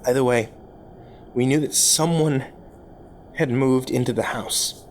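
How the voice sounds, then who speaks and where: Troubled, privileged young man, played by a male actor, mid-range voice, halting confession in a horror drama, audible background noise. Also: mid-range voice, lightly acted. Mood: guilty, confessional. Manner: halting, confessional, stammering over repeated words. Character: troubled rich young man confessing his cruel teenage past. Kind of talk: dramatic first-person horror story monologue.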